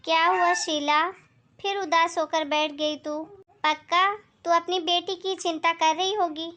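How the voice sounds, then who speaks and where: A woman voicing a sharp-tongued older aunt who lectures her neighbor in a blunt, scolding way. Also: very high voice, steady tone, measured pace, lo-fi sound.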